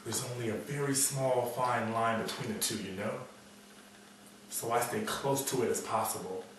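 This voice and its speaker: A man's voice: medium pitch, fairly even intonation, normal speed, fairly bright tone, close to an everyday voice. A man playing a cynical, world-weary private investigator, muttering a bleak noir monologue in a brooding storytelling manner. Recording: echoey room, distant mic, faint noise.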